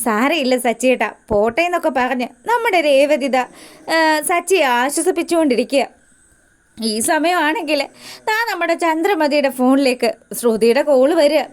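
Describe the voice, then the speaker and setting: Chatty high-voiced woman storyteller. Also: lively intonation, normal speed. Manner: chatty, folksy narration addressing listeners as 'our'. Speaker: storyteller recapping a TV serial. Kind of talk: casual spoken retelling.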